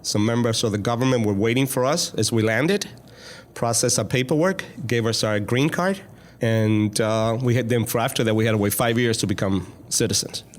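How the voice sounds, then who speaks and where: A man in his sixties from Cuba, whose first language is Spanish, plainly and earnestly recounts his life story as a school board president in an interview. His voice is medium-pitched and his pace moderate.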